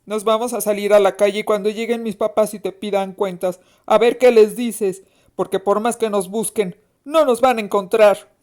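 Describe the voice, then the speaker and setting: A woman's voice: medium pitch, steady tone, moderate pace, darkish tone, natural voice. A woman voicing an angry, defiant boy who threatens his older sister, in a told story. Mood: threatening. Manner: threatening, indignant.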